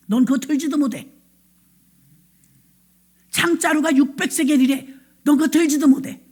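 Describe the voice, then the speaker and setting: A woman pastor voicing a fearful soldier who hushes a boy with low warnings. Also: slightly rough. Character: timid soldier, hushing and fearful.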